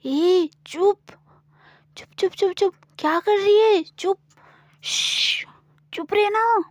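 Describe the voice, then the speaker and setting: A woman's voice: extremely high pitch, takes it slowly, no room sound, voice pushed up. Woman playing a bossy, scolding young landowner, commanding, dry close recording. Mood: hushing. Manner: scolding, commanding, sometimes hushed. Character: bossy, brash young woman who owns the fields.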